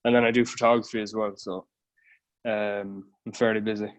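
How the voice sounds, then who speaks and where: Man, west of Ireland accent, monotone delivery, slightly deep, casual conversational interviewee, personal trainer. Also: normal speed. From Galway, west of Ireland. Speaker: guest, online personal trainer.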